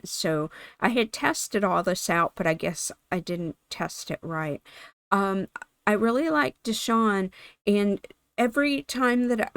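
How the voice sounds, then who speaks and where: Host, female, hoarse and under the weather, gravelly low register, rambling game voice-over, dry close sound. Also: no echo. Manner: meandering, self-correcting, chatty. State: losing her voice, sick. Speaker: gaming channel host. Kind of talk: casual gameplay voice-over commentary.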